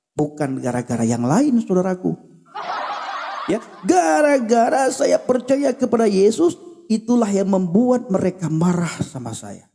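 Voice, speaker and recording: High-voiced impassioned male preacher. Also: warm tone, in a large hall, slight background noise. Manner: emphatic, repetitive preaching cadence addressing the audience directly. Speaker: evangelist livestream host.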